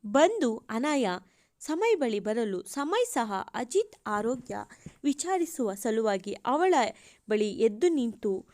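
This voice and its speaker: Woman reading a story aloud, slow and lively, dry close sound. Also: on the high side, no room sound. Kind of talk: story narration.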